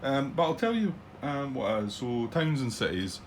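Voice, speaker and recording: A middle-aged Scottish board wargame channel host sounds very animated in a mid-range voice at a moderate pace, with a little hiss or hum in the recording. Sitting at his home desk, he rambles casually about a solo wargame, often stopping to um and start over.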